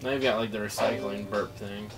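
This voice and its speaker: A man's voice: on the low side, fairly even intonation, brisk. A man giving casual, sarcastic commentary while playing and reviewing a console game at home. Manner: sarcastic, mocking. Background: game music.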